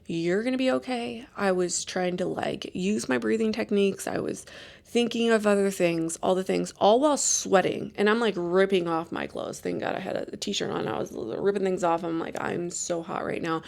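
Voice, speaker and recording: Woman, podcast host, casual storytelling, rambling, self-deprecating, gravelly, mid pitch. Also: fairly even intonation, moderate pace, darkish tone. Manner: chatty, rambling, self-deprecating with frequent restarts.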